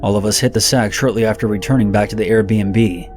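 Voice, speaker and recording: Low-voiced man reading horror stories. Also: music in the background. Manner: steady, measured reading. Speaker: horror story narrator. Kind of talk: scripted narration.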